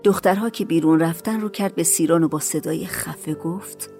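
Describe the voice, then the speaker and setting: A woman narrating a storybook in a calm, measured reading voice. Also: low voice, gravelly, soft background music.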